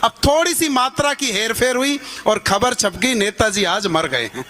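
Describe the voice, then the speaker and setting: A man's voice: high voice, lively intonation, moderate pace, pushed and bright, faint music behind. A man telling a joke with a dry, storytelling delivery. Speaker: comic storyteller.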